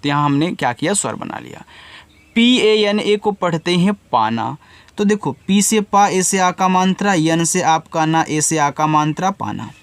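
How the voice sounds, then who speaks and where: A man's voice: fairly high pitch, expressive, unhurried, smooth, no room sound. A man teaching reading step by step, patiently sounding out each word letter by letter and correcting himself when he slips. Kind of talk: step-by-step spelling lesson.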